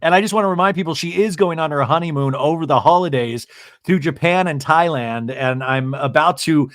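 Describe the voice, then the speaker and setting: A man hosts a casual podcast in a somewhat high-pitched voice. He is effusive and gossipy, wandering between thoughts. The sound is dry and close, with no room to it. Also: fairly quick, a bit bright, no echo. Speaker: podcast host. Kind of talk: casual chat.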